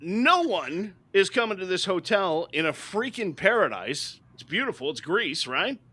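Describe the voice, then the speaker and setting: Bright, animated man ranting about films. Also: high voice, normal speed, slightly rough. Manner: emphatic, ranting, seeks agreement with "right?". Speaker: podcast co-host. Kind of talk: opinionated movie review chat.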